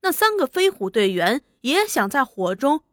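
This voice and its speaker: Animated woman storyteller, bright voice. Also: high-pitched, moderate pace, no room sound, clean studio sound. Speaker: narrator. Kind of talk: storytelling audiobook narration.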